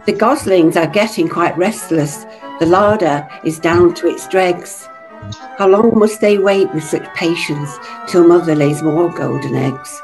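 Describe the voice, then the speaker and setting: A woman's voice: on the low side, measured pace, darkish tone, faint music behind, poor audio. A woman playing a storybook pantomime narrator, reciting verse. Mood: plaintive.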